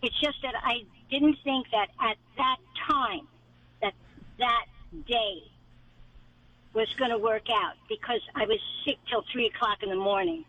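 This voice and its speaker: A woman's voice: on the high side, unhurried, sharp tone. A woman caller on a clipped phone line from her car, rambling through details to a radio advice host. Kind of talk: call-in radio talk. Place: inside a car.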